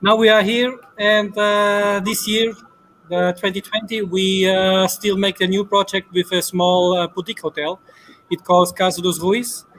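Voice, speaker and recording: High-voiced Austrian chef, flat delivery. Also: male voice, unhurried, slight background noise, low-quality recording. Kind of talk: online panel introduction.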